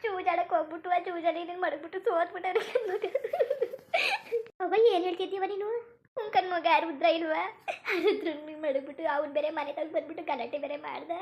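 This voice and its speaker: A woman's voice: extremely high pitch, steady tone, fast, lo-fi sound. Woman doing a lamenting village mother. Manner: lamenting, urgent warnings. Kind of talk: cartoon voice acting.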